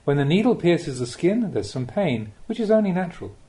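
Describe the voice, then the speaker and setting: A Buddhist monk, male, reads aloud a scripted spiritual lesson for an audiobook. His delivery is deliberate and measured, with rhetorical questions, and his voice is on the high side, sing-song, and dark in tone.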